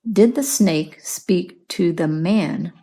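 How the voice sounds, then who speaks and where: Slow, gravelly-voiced woman teaching English. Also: fairly low pitch, warm tone. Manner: patient, repeats and explains words. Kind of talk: slow, clear language lesson with questions and answers.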